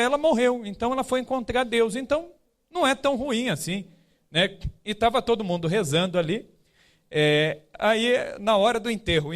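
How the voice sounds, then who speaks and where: High-voiced man telling stories in a talk. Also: a bit bright. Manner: conversational, many tag questions. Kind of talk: storytelling talk to a live group.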